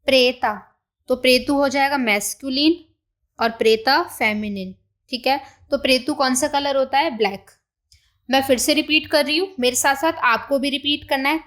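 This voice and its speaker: A woman teacher giving a beginner language lesson, saying each new word slowly and repeating it for learners to echo. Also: high-pitched, a bit bright.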